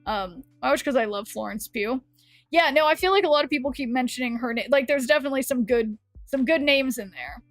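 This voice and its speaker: A woman's voice: high voice, fairly quick, no room sound, soft background music. A woman chatting casually on a live game stream, rambling and answering chat, her voice worn from talking. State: losing her voice.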